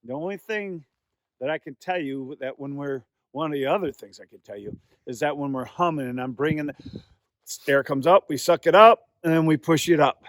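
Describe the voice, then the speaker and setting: Male instructor for a beginner how-to, voice a bit high, patient step-by-step explaining with repetition, dry recording. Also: animated, moderate pace, no echo. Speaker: goose calling instructor. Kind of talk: hands-on beginner tutorial, explaining and demonstrating.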